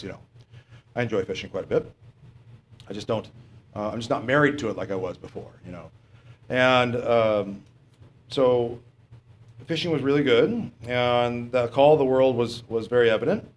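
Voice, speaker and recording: A middle-aged man of medium pitch preaches a sermon, his delivery plain and halting. Rhetorical questions and filler-laden pauses mark his speech.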